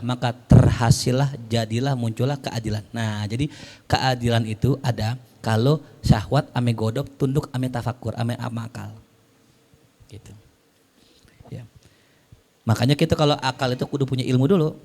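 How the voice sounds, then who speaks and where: A man's voice: mid-range voice, darkish tone. A man giving a casual religious lecture, reading Arabic phrases and explaining them in colloquial slang with jokes. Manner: reads Arabic then explains in colloquial Jakarta slang, joking. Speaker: Islamic preacher.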